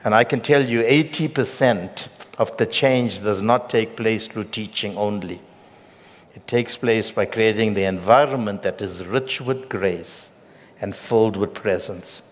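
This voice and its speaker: A middle-aged man preaching a sermon as pastor, with emphatic loud peaks and hushed drops. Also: fairly low pitch, unhurried. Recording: long reverb of a large hall.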